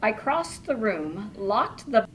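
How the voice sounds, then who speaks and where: A woman science teacher reading a Mad Lib aloud in a soft, unhurried, dry way. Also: medium pitch, big pitch swings. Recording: distant mic with faint background noise.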